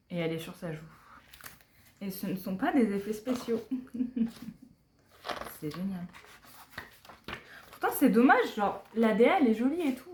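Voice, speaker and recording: Giggly young woman unboxing in echoey room. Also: mid-range voice. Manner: chatty, giggly, mutters asides softly. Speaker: unboxing vlogger. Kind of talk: casual unboxing chat. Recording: echoey room, faint background noise.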